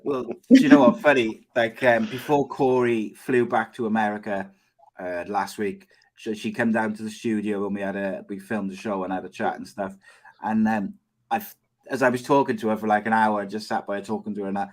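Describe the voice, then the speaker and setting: A man's voice: on the low side, fairly even intonation, a little fast. A man with a Cardiff Welsh accent, chatting and bantering casually as host of a sports podcast. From Cardiff, Wales.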